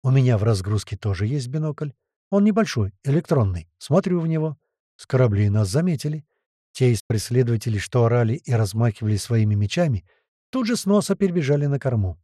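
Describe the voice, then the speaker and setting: Man, audiobook narrator, lively slangy storytelling, dark mellow tone, dry close sound. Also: mid-range voice, brisk, dry recording. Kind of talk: first-person audiobook narration.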